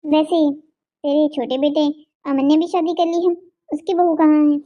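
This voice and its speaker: Older visiting friend in a cartoon, teasing and reproachful, voiced by a woman high-pitched. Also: fairly even intonation, normal speed, highs cut off, lightly acted.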